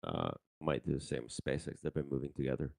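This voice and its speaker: A man's voice: rumbling low, big pitch swings, quick pace, vocal fry, darkish tone, no echo. A man hosting a live trading stream, talking casually through his trades with fillers and the odd swear, holding his mic in his hand. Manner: loose and conversational, with fillers and mild swearing. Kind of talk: casual live market commentary. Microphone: handheld microphone.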